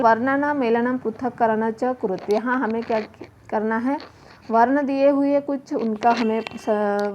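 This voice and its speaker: A woman teacher going slowly through a children's worksheet, spelling words letter by letter and answering her own questions. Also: on the high side, a little mellow. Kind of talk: slow worksheet lesson for children. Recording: muffled home video with faint noise.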